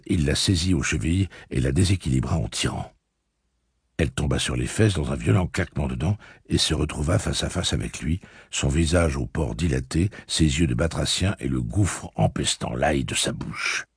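A man reading a novel aloud as an audiobook narrator, telling the story in a measured, steady way. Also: a bass voice, gravelly, husky, dry recording, studio quality.

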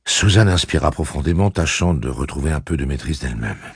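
A man narrating a novel with expressive storytelling. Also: rumbling low, fairly quick, breathy edge, no room sound, clean studio sound. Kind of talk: audiobook narration.

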